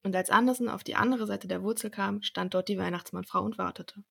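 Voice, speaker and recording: A woman in her twenties, a student, reading a storybook aloud in a steady narrating voice with occasional small slips. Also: medium pitch, a little fast, creaky, slightly rough.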